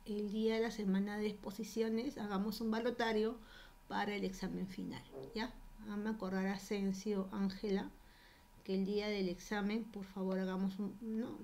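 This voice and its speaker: A woman university teacher with a Peruvian Spanish accent, giving slow, halting classroom instructions. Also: mid-range voice, a little mellow. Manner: slow, halting, repeats herself.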